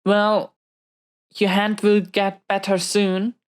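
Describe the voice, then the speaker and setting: Slow and smooth, her medium-pitched voice stays level and is lightly acted as she portrays an imprisoned supervillain, protective, hot-tempered, and tender. In the intimate roleplay she speaks defensively and hesitantly to an unseen listener, yet her mood is soft and relaxed.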